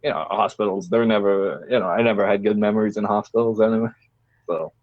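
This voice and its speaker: A young man from the Philippines co-hosting a podcast, chatting in a relaxed way with chuckles and trailing asides. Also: on the low side, fast, no room sound. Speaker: podcast co-host. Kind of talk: casual chat. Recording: muffled online call line.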